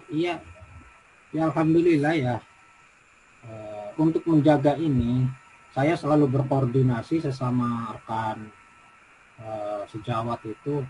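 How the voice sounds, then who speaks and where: A middle-aged male teacher with a West Javanese Indonesian accent, answering in a coaching session. He talks haltingly, restarting and repeating himself, at a medium pitch. A faint noise sits under the recording. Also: dark tone, rough recording. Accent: Indonesian, West Java. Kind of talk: coaching practice conversation.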